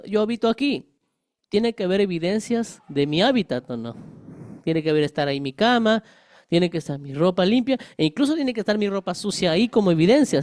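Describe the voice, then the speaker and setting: A middle-aged male pastor with a high, slightly mellow voice gives a conversational Bible-study sermon, explaining verses with everyday examples and asking the congregation rhetorical questions. The recording is clean studio sound with no room echo.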